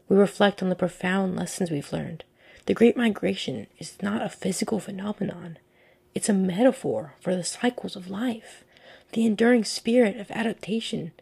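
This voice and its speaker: A woman hosting a podcast in the style of a scripted nature documentary, with earnest, descriptive and measured storytelling. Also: lowish voice, vocal fry, warm tone, slightly rough. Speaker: podcast host.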